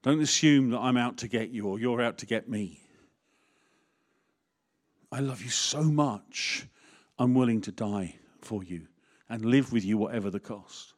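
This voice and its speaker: A man's voice: medium pitch, unhurried. A man, a vicar preaching a sermon in a candid, conversational way with jokes and asides.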